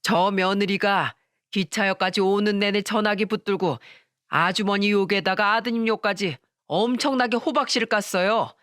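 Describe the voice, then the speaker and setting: A woman's voice: mid-range voice, fairly even intonation, moderate pace, a bit bright, no echo, studio quality, natural voice. A woman voicing a blunt, sarcastic middle-aged male taxi driver. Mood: sneering.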